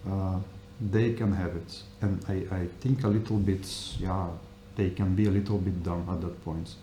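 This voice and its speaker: A man giving spontaneous interview answers in halting English, searching for words. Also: deep voice, steady tone, mellow. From Russia. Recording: echoey room with faint noise.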